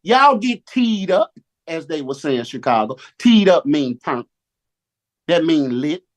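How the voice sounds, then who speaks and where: A man giving a preacher-style motivational talk on a Zoom call, animated and slang-heavy, calling on listeners to answer back. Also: a little high, measured pace.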